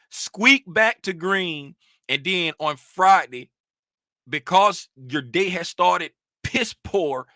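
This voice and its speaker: Trading host, male, rowdy ranter, bright high voice. Dry, close sound. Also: no room sound. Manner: animated, rowdy, ranting. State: worked up and sweating. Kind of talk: casual rant to viewers.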